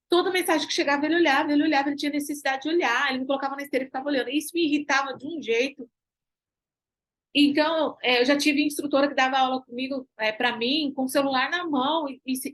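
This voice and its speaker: Emphatic high-voiced woman teaching. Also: a bit bright, low-quality recording. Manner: emphatic, repeats key phrases, asks rhetorical questions. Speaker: pilates teacher and business mentor. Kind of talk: online class lecture.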